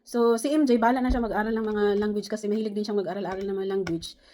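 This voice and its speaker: A woman's voice: mid-range voice, fairly even intonation, racing, dark tone, a little hiss or hum. Rambling Filipino woman vlogger. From Philippines. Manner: rambling, many fillers and restarts. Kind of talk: casual chat to camera.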